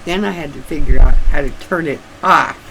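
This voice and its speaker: An older woman chatting casually and haltingly, with slightly restricted articulation, as if her sore jaw won't open wide. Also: low-pitched, gravelly, bright, forceful tone, a little hiss or hum, rough recording. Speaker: craft vlogger. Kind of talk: casual rambling chat.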